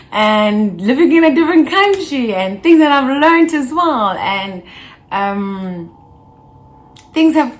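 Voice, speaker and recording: A woman in her twenties chatting casually to her viewers in a vlog, playful and talkative, breaking into little laughs and snippets of song. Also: on the high side. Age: 20s. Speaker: vlogger. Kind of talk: casual chat to camera.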